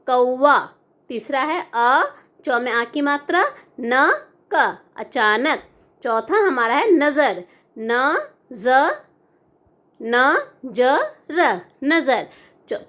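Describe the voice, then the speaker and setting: A woman's voice: high voice, a bit bright. A woman teaching young children, patiently dictating spellings letter by letter and repeating each word. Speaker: primary school teacher. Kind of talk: online class lesson, slow dictation of spellings.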